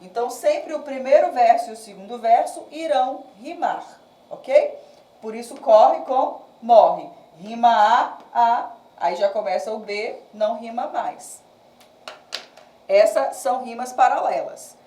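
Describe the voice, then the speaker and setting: A Brazilian woman teacher giving a recorded class, explaining step by step, counting syllables slowly and checking in with her students. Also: on the high side, expressive, dark tone. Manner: counts syllables slowly and reads verses aloud. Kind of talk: recorded remote class lesson. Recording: echoey room, distant mic.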